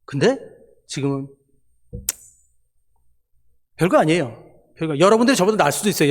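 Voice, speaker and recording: Male preacher, middle-aged, high voice, rapid delivery, acts out his stories, church reverb. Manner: animated storytelling, acting out his own quoted lines. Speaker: missionary preacher. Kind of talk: sermon. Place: church sanctuary.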